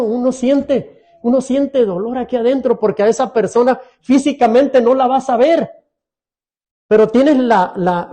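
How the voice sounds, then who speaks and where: Male pastor, sermon, middle-aged, earnest, pleading, asks questions, high warm voice.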